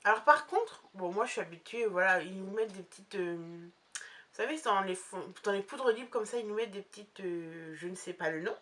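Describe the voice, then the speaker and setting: A woman's voice: mid-range voice, animated, normal speed, fairly bright tone. A young woman talking casually through a makeup haul, rambling with many fillers and restarts. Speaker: beauty vlogger.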